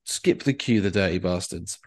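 A man's voice: low-pitched, moderate pace, a little mellow. A man telling a rambling story in casual podcast chat, full of fillers and swearing. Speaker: podcast co-host.

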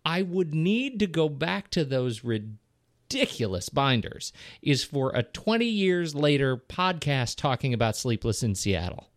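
A man's voice: a little high, a little slow, no room sound, clean studio sound. Rambling middle-aged man on a podcast. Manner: rambling, self-interrupting, animated and laughing. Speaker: podcast co-host. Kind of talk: casual film discussion.

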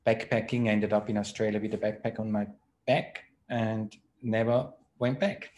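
A man, a podcast guest telling his story in a measured way over a video call. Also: fairly low pitch, steady tone, darkish tone. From Switzerland. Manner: measured, unhurried storytelling with hesitant fillers. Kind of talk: casual interview chat.

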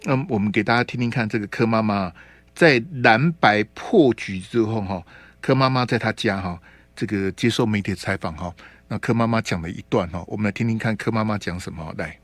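A man's voice: fairly low pitch, a little fast, no echo. A man from Taiwan hosting a political radio talk show, chatty and fond of tag particles. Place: radio studio. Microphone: studio mic.

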